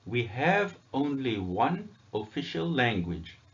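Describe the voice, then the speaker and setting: A man leads a pronunciation drill and says each item twice, slowly and with care. His pitch moves a lot and his pace is very slow. The recording sounds dull and lo-fi. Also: sing-song. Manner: deliberate, repeats each letter. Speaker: English teacher.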